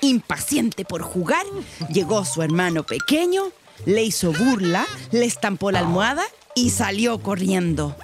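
A woman reading a children's storybook aloud in a slow, very expressive way. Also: fairly high pitch.

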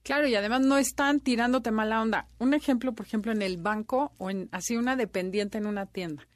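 A woman's voice: a little high, brisk, no room sound. A middle-aged woman co-hosting a radio talk show, telling personal anecdotes. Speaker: radio co-host. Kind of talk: casual radio chat.

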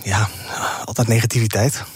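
A man's voice: lowish voice, fairly even intonation, normal speed, breathy edge, no echo, clean studio sound. A male interviewer asking probing political questions in Dutch, with many fillers and hesitations.

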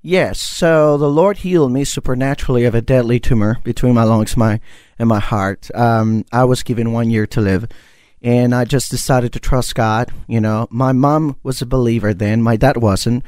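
This guest pastor from Costa Rica shares his testimony in a radio interview, telling his story earnestly and with many fillers. His medium-pitched, darkish voice stays steady at a normal pace, and the studio sound is dry with no room echo.

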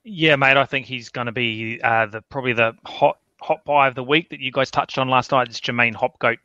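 A man's voice: medium pitch, fairly even intonation, a little fast, sharp tone, no echo, lo-fi sound. A man on a casual sports podcast, matter-of-fact and full of mates. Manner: matter-of-fact, says mate often. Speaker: podcast co-host.

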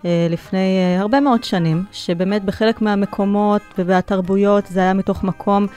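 A woman's voice: medium pitch, fairly even intonation, warm tone, faint music behind. A woman guest on a studio podcast, a sexuality educator who explains with enthusiasm and many fillers. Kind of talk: casual podcast interview.

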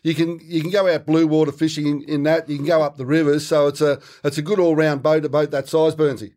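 A man's voice: fairly high pitch, level tone, fast, dark tone. An Australian man co-hosting a fishing podcast, chatting casually and telling jokes and stories. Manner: joking, storytelling, teasing. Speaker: podcast co-host. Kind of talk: casual chat.

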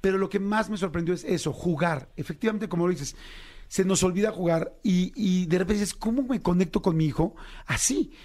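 A Mexican man hosting a podcast, telling stories in a lively, casual way with colloquial slang. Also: high-pitched, fairly quick. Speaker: podcast host. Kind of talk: casual chat.

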